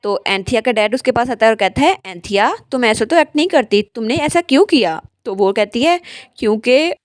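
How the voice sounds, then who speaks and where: A woman's voice: on the high side, animated, a little fast, no echo, studio quality. A woman retelling a comic story as a storyteller in a casual narrating style, briefly raising her voice for the characters.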